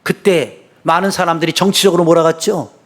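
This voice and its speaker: A middle-aged senior pastor delivers a sermon, alternating between fervent shouting and quiet, conversational asides. His tone is steady and his pace a little fast.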